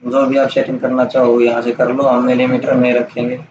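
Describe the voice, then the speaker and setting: A man giving a casual, step-by-step software tutorial over a screen recording, checking in often with the listener. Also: medium pitch, monotone, fairly quick. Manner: casual, explains step by step with "theek hai" checks. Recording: roomy, dull lo-fi sound with faint hiss.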